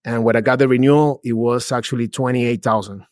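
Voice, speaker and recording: This podcast guest is a Peru-raised real estate investor in his forties, chatting casually and easily, regularly saying "dude" and "bro" and often restarting his sentences. He has a mid-range voice and talks fairly quickly, captured in studio-quality sound with no room ambience.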